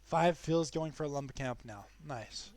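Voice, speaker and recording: A man's voice: fairly high pitch, normal speed, darkish tone. Chatty New game caster, man. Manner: chatty, frequent restarts and fillers. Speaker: esports caster. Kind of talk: live game commentary.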